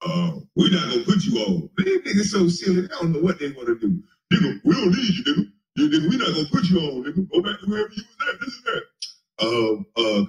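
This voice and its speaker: Ranting man with a lively high voice. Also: highs cut off. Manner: profane, mocking, taunting. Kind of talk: heated rant.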